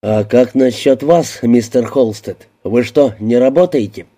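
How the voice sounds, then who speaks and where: A tough detective firing blunt, menacing questions in a dark, warm, mid-pitched voice, as a male audiobook reader acts him. Threat sits under every line. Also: measured pace, close to an everyday voice. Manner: blunt, menacing, shouting at times. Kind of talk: audiobook character voicing.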